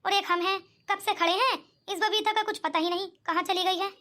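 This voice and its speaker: Grumbling young brother-in-law in a cartoon, voiced by a woman, very high and bright. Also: fairly even intonation, a little fast. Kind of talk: cartoon voice acting.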